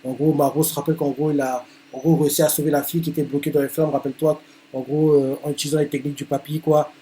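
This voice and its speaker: A man's voice: fairly high pitch, flat delivery, quick pace, warm tone. A man reacting live to a manga chapter, narrating the panels with many hesitant fillers.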